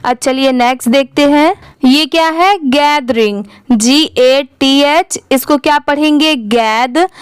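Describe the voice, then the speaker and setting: A high-pitched woman leads a reading lesson at an unhurried pace. She spells each word out letter by letter and then blends it into the full word, asking the listener questions and answering them herself. Her voice is recorded dry and close, with no room sound. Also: dry recording. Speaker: English reading teacher.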